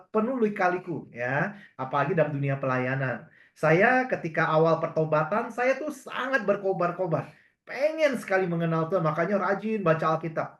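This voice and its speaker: A man's voice: medium pitch, fairly bright tone. A man, a pastor, preaching in a reflective, confessional way about his own struggles. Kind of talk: sermon. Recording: echoey church room.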